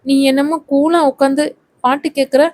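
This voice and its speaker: A woman voicing a sharp-tongued young woman who scolds her reckless friend. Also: on the high side, little pitch movement, slow pace, dry recording. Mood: scolding. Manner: scolding, sarcastic.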